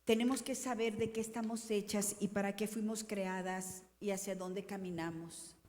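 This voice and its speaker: A woman's voice: medium pitch, steady tone, moderate pace, a little mellow. A woman teaching a women's Bible class in a conversational way, asking her listeners questions and acting out quotes. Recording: long hall reverb.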